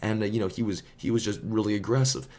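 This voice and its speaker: A man's voice: fairly low pitch, fast talker, darkish tone. A man casually telling a story, rambling with lots of fillers. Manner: rambling, filler-heavy, laid-back. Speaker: storyteller and vlogger.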